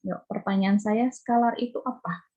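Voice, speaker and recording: A woman's voice: medium pitch, steady tone, moderate pace, warm tone, highs cut off. A woman lecturer teaching math in an online class, questioning and prodding her students. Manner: questions students, coaxing and scolding. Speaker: university lecturer. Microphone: video call.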